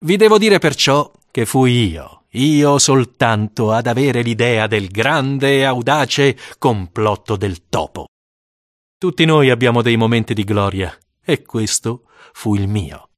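A man narrating a first-person story for an audiobook, with dramatic, expressive storytelling. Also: mid-range voice, a little slow, hardly any pauses, no room sound, clean studio sound.

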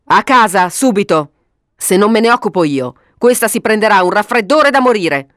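A woman voicing a sensible, kindly middle-aged father who talks briskly and gives orders in a read-aloud story. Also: medium pitch, lively intonation, a bit bright, no echo, studio quality, pitched above the performer's own voice, natural voice. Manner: brisk, commonsense, bossy.

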